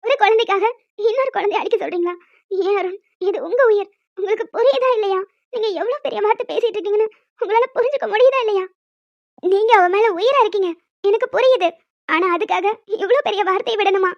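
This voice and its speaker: A woman voicing a gentle young wife who pleads earnestly with her husband. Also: very high-pitched, fast, no echo. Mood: pleading. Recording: dry, dull lo-fi audio, faint music.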